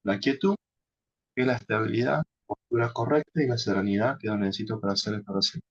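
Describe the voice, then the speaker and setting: A man teaching contemplative prayer in an unhurried, halting way, often adding a questioning tag. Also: fairly low pitch, breathy edge, no room sound. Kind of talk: instructional talk on contemplative prayer. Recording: dull lo-fi sound.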